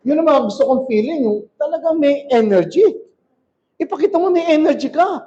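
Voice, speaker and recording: A male pastor preaching a sermon in a church hall, shouting and calling on the crowd to answer back. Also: very high voice, animated, brisk. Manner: shouting, rousing, calls for crowd response. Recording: dull lo-fi recording.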